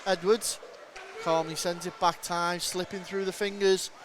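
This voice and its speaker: A man calls an ice hockey game live, in a high voice. His commentary is brisk, and it rises in pitch and volume with each shot. A faint noise sits under the recording. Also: flat delivery. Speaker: play-by-play commentator.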